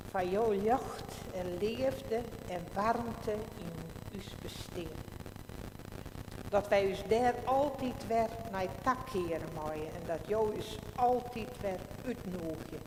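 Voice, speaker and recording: Woman pastor in cathedral-like echo. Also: mid-range voice. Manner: calm, measured liturgical speech. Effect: cathedral-like echo with long reverb. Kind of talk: church service liturgy and prayer. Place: large church. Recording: echoey church livestream, audible room noise.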